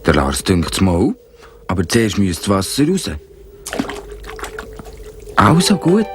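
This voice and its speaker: A man with a Swiss German accent narrating a children's cartoon in a gentle storytelling way. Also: deep voice, big pitch swings, moderate pace, noisy background. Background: cartoon music.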